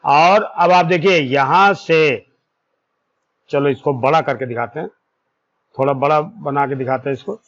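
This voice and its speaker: A maths teacher, his somewhat high voice fairly bright in tone, explains a whiteboard lesson very slowly, lengthening every formula term. He repeatedly checks understanding with "ठीक है" and corrects himself out loud mid-formula. The recording is lo-fi and dull.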